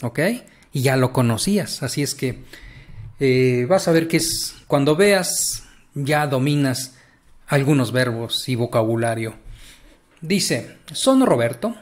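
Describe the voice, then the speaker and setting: A man's voice: medium pitch, takes it slowly. A man teaching a casual language lesson, chatty and encouraging, stretching out words as he explains.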